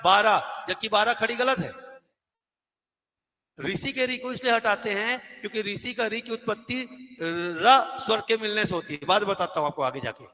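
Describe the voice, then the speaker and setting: A man teaches an exam-prep class in a high, bright voice. He asks questions, answers them himself and repeats the key words. Long reverb from the echoey classroom trails behind him. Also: expressive, normal speed. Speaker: Hindi teacher.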